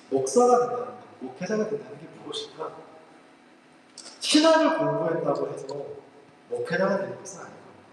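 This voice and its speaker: A male pastor preaching a sermon in an earnest, reflective way, with soft drops and slow emphatic pauses. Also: high voice, background noise. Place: church sanctuary. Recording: roomy hall echo, mic at a distance.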